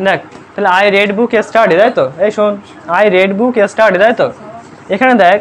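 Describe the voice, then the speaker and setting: This live grammar lesson is delivered in a medium-pitched voice at a slightly slow pace. The teacher fires question after question at pupils, checks their understanding, and spells words letter by letter. Any noisy pupil gets sternly scolded.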